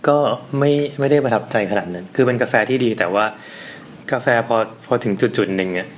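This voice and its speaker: A man co-hosting a casual food podcast, telling stories in a quick, chatty way. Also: medium pitch, a little hiss or hum. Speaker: podcast co-host.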